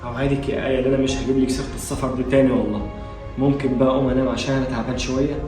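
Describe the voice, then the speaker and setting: A man with an Egyptian accent playing a tired, evasive father who stammers and speaks gently to his daughters, in a scripted web drama. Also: mid-range voice, little pitch movement, close to an everyday voice. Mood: weary. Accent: Egyptian Arabic. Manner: fast, hesitant stammers. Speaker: actor. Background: background music.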